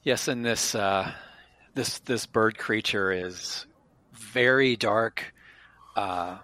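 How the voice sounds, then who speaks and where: Man, low voice, tabletop game narration, halting with fillers, dry close sound. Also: sharp tone, dry recording. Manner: halting, many fillers and restarts. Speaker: player.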